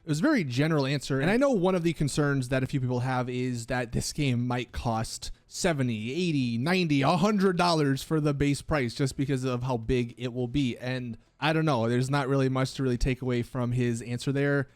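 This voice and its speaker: Briskly and with few pauses, a man presents gaming news as a video host, keeping his explanations casual but emphatic. His medium-pitched voice has no echo, sitting dry over background music.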